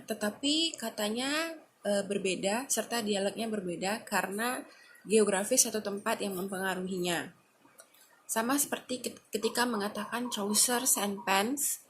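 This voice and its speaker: A woman's voice: medium pitch, slight background noise. A woman student giving a class presentation, explaining steadily with frequent hesitations.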